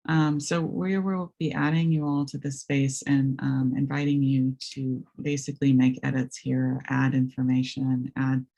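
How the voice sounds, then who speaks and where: A woman with a raspy voice presenting a webinar, walking through software step by step with many hesitant ums. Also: rumbling low, level tone, measured pace, few pauses. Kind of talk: screen-share software walkthrough.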